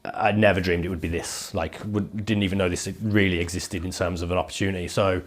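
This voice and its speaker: A man in his thirties from England, a leather maker appearing as a podcast guest, speaks in a low, steady voice at a slightly quick pace. He has a head cold that makes him sound nasal, and he tells his story in a casual, rambling way, saying "like" constantly.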